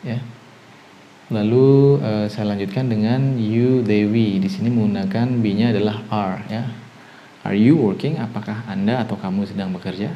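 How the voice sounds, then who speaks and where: A man teaching an online English grammar lesson with an Indonesian accent, explaining step by step and ending nearly every phrase with a quick "ya". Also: fairly low pitch, fairly even intonation, highs cut off, a little hiss or hum.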